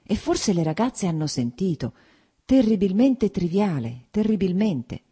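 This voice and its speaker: A woman reading aloud and voicing a guilt-ridden, self-pitying husband, plaintive and fretful, in a husky, dark voice. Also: mid-range voice, big pitch swings, a little slow, pitched above the performer's own voice, heavily acted.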